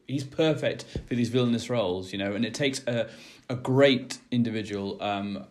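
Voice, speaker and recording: A man with a fairly low voice makes his case in a friendly debate. He speaks earnestly, stumbling and hesitating now and then. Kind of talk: casual debate podcast.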